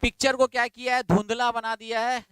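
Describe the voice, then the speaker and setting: A man leads a vocabulary lesson, drilling terms again and again. His voice sits high for a man and sounds clean and crisp. The recording is dry and close, with no room echo. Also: level tone, a little fast, a bit bright. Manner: repetitive, drilling, asks students to write words down. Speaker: English vocabulary teacher. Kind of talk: classroom lecture in Hindi with English terms.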